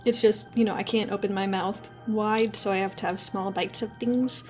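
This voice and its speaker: A woman's voice: medium pitch, steady tone, normal speed, a little mellow, faint music behind. A young adult woman vlogging in a casual, candid, rambling way, telling personal stories and swearing now and then. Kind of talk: casual personal storytelling to camera.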